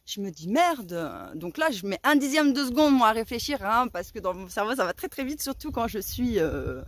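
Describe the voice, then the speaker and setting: A young woman vlogger telling a story in casual, slangy speech, excitable and animated, acting out her own shouts. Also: a little high, normal speed, no echo.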